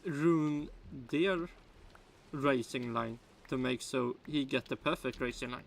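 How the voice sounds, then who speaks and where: A man's voice: mid-range voice, slow, vocal fry, slight background noise. A man from Sweden with a Swedish accent, a native Swedish speaker, rambling in casual reaction commentary with broken English and many restarts. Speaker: streamer reacting to a video.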